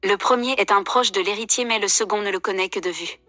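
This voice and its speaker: A woman's voice: medium pitch, quick pace, sharp tone, no echo. Female true crime narrator, scripted and journalistic, mid-range voice, close dry sound over music.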